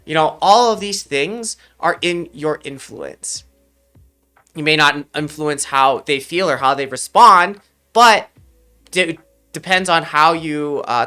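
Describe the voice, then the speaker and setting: Bright-voiced man with a slightly sick voice. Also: a little high. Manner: earnest, explanatory, repeats phrases for emphasis. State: under the weather, slightly sick voice. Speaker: esports mental coach and streamer. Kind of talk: livestream talk to chat.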